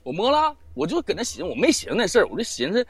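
A man tells a spooky story at a quick clip. His pitch swings widely as he acts out what people said, swearing freely along the way. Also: breathy edge, no room sound. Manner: swearing, animated retelling with quoted dialogue. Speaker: storyteller guest on a live-stream show. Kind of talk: casual spoken ghost story.

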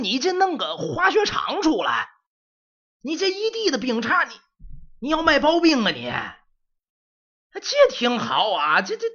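A man's voice: bright, forceful tone, full character voice. A man voicing a fussy old male castle caretaker who scolds, stammers and sighs in exasperation. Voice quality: high strained scolding voice. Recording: dull lo-fi audio.

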